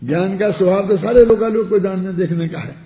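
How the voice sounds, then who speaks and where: A man's voice: sits high, a little fast. A man giving a spiritual discourse in a conversational way, often asking his listeners rhetorical questions. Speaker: religious teacher. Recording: tinny, echoey hall recording.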